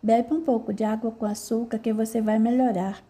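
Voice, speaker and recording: A woman voicing a caring older mother in a spoken novel, soft and motherly. The voice is very mellow and a little high. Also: flat delivery, brisk, close to an everyday voice. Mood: motherly, concerned. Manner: motherly and soothing.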